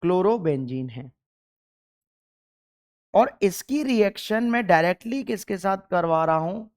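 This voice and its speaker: A man's voice: high-pitched, animated, measured pace, a little mellow. A young man teaching chemistry in an exam-focused lecture, emphatic, repeating key points and firing questions at the class.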